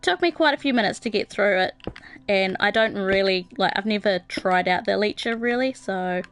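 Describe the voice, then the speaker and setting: This livestreamer is a young woman with a mid-range, fairly bright voice who talks at a moderate pace. She chats casually with viewers while playing a game, reading their comments aloud amid plenty of ums and uhs.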